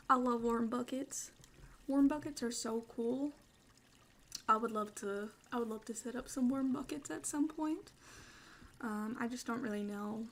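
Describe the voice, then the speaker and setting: Young woman, ASMR streamer: high, bright voice with gravelly fry, playful, rambling, slips into whispers. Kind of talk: quiet casual ASMR chat.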